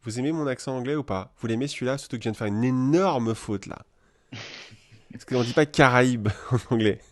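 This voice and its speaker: A man from France hosting a casual live chat, lively and playful, laughing often. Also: mid-range voice, fairly quick. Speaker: host. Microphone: live video call.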